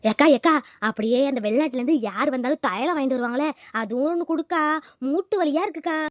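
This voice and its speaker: A woman's voice: high voice, quick pace, no echo, clean studio sound, natural voice. A woman voicing a nosy, freeloading village neighbor in a cartoon, with a wheedling, fawning manner. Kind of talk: cartoon voice acting.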